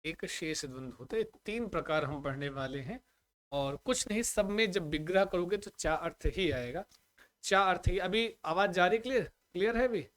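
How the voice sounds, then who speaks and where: High-voiced male Sanskrit teacher. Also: expressive, a bit bright. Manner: drills students with repeated questions and checks on the audio; recites Sanskrit compound examples in a measured, chanting way. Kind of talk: live online grammar class.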